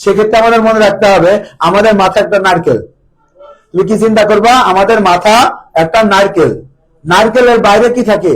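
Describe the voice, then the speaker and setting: Here a brisk, high-voiced man drills biology vocabulary before an exam, restating terms and firing questions at his students. The recording quality is low.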